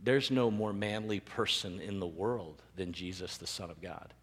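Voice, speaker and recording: A male pastor preaching a sermon, animated and rising to emphatic peaks. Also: low voice, moderate pace, breathy edge. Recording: long reverb of a large hall.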